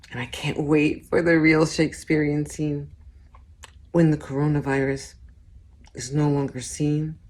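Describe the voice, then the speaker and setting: A woman with a low-pitched voice performs a comic monologue in verse. Her pace is slow and deliberate. The delivery is theatrical, swinging between hushed tones and bold exclamation. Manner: dramatic delivery, shifting between hushed whispers and loud exclamations.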